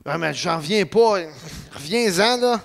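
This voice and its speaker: A man with a Quebec French accent, telling a comic story in an excitable way, laughing and letting out yelps. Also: high voice, takes it slowly, vocal fry, slight background noise. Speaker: radio host.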